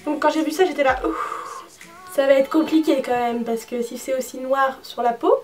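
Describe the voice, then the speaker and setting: A woman's voice: high-pitched, fairly even intonation, brisk, far from the mic. A young woman reviewing beauty products in a casual, frank way, with many fillers and restarts. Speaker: beauty vlogger.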